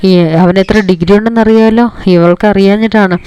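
A woman's voice: mid-range voice, fairly even intonation, fast, warm tone, clean tone, no echo, highs cut off, natural voice. A woman voicing a stern, domineering middle-aged mother-in-law who scolds and boasts about her son. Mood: scolding.

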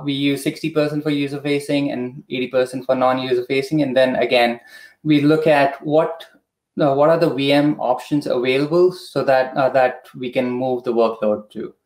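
A man explaining a technical process on a video call, measured and methodical, with frequent pauses and "uh" fillers. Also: mid-range voice, steady tone, darkish tone. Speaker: product expert guest. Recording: echoey room.

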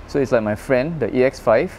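This guest, a man who grew up in Malaysia, chats about his road bike in an open parking garage at night for a casual interview, speaking a little fast in a mid-range voice. A noisy crowd sits behind the low-quality recording; he's animated, chatty, and full of fillers and restarts.

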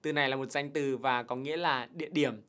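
A man teaching a televised English test lesson, explaining answers patiently and slowly repeating English words for students to copy. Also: medium pitch, steady tone, a bit bright. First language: Vietnamese. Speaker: TOEIC teacher.

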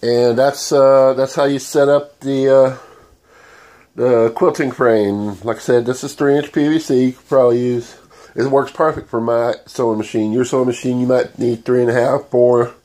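With a cold stuffing up his warm, steady, medium-pitched voice, a man talks at normal speed through a rambling, no-frills how-to demonstration. He's a DIY channel host working in a sewing room and recording on a handheld phone.

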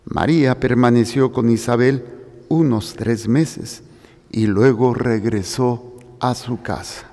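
A man serving as priest at Mass, reading the Gospel and preaching in a slow, solemn, measured way. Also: medium pitch, fairly even intonation, a little mellow. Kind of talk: liturgical Gospel reading and homily. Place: church during Mass. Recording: long church reverb.

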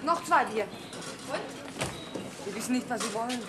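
Brief: an outspoken young waitress, higher voice, old TV soundtrack with faint hiss. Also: female voice, animated, a little slow. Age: young adult. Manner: defiant, outspoken. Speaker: waitress, innkeeper's daughter. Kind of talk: 1960s TV drama acting.

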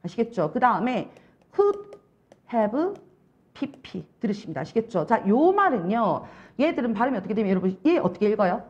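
A young woman with a Busan Gyeongsang accent lecturing an English test-prep class, animated and constantly checking that students follow. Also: medium pitch, fast, lo-fi sound. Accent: Busan Gyeongsang Korean. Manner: animated, keeps checking understanding with rhetorical questions.

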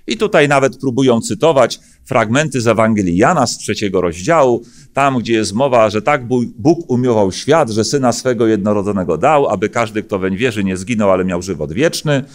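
A man's voice: fairly low pitch, expressive, fairly quick. A middle-aged Polish pastor delivers a sermon from a lectern microphone in a church hall. He builds earnest, emphatic rhetorical questions, broken up by frequent hesitant fillers. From Poland.

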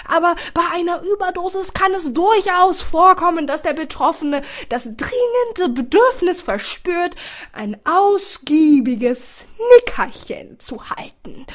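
A woman doing a calm old grandpa. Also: very high voice, voice pushed up, heavily acted. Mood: calm, explaining. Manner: slow and deliberate, measured. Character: calm older male grandfather, gently firm. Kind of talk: audiobook character voice.

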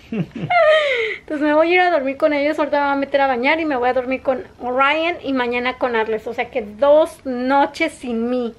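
A high-voiced woman talks straight to her camera at home. She is chatty and giggly, and she acts out short exchanges between herself and others as she tells them. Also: animated, moderate pace. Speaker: vlogger. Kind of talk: casual family vlog chat. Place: home in the United States. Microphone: handheld camera.

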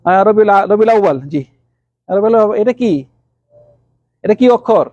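A man teaching Arabic letters to a class, calling on students by name and repeating letter sounds slowly. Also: high voice, a little mellow, no room sound, highs cut off.

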